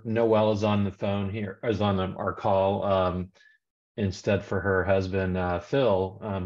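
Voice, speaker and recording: A man's voice: deep voice, darkish tone. A man speaking on a video call, rambling with many fillers and restarts. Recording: dull lo-fi call audio.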